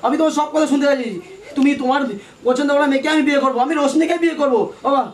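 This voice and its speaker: A man acting as a guilt-stricken young son, begging his stricken father to wake up in a strikingly high, quick, repetitive plea. The voice is caught from a distance in a roomy space with noise behind it, like an amateur short film. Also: fairly even intonation. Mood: frantic pleading. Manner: pleading, repeats "baba" over and over. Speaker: lead actor. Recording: roomy, distant, noisy home recording.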